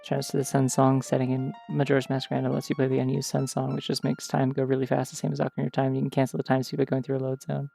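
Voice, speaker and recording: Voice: mid-range voice, completely flat delivery, fast talker, creaky, hardly any pauses, warm tone, faint music behind. A streamer giving casual gameplay commentary late at night, tired, rambling with lots of "like" fillers.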